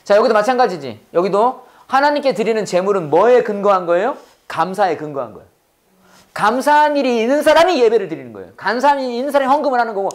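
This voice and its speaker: An English teacher running a Bible-based lesson, quizzing the class and drilling phrases in call-and-response. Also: mid-range voice. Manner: quizzing, repeats phrases slowly for learners.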